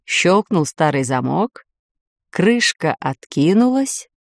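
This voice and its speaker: A woman reading a story aloud as narrator, in an expressive storytelling manner. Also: lowish voice, takes it slowly, vocal fry, no room sound, studio quality. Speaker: audiobook reader. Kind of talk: scripted narration.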